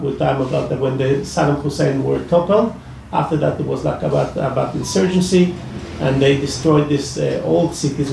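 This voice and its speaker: In a library event room, a gravelly Iraqi man with a fairly high, somewhat mellow voice recounts personal experiences at a public discussion. He speaks with an Iraqi Arabic accent and falters repeatedly, restarting and filling gaps. The mic sits far away in an echoey hall, picking up a bit of background noise.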